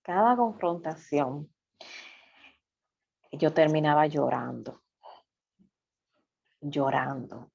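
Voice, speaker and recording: Woman with a low voice telling her faith testimony, earnest and confessional, kinda dull dry recording. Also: very slow, gravelly, pauses often, darkish tone, breathy edge, dry recording. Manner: earnest, confessional, repeats phrases for emphasis. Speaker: church member giving testimony.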